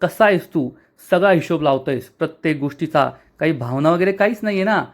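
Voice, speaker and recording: A man voicing a quick-tempered, irritated young woman who snaps back, retold in a serial recap. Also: a little high, close to an everyday voice. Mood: exasperated. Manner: snappy, exasperated.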